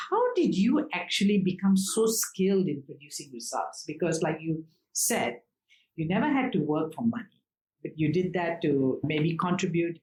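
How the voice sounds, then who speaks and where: A middle-aged woman, hosting an interview in an earnest, measured way. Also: on the low side, darkish tone, echoey room, rough recording. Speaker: host.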